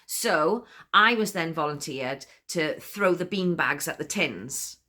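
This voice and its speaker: A chatty woman confiding her story, played by an actress in a comic monologue, laughing often between sentences. Her voice sits fairly low but swings widely in pitch, with a bright, forceful edge. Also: lively intonation, slow, full character voice. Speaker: monologue performer.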